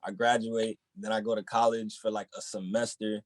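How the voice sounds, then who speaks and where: A young man from the Boston area, a rapper in a relaxed interview, who keeps filling his talk with "you know what I'm saying.". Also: on the low side, moderate pace, a little hiss or hum. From Boston area, United States. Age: young adult. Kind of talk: casual interview chat.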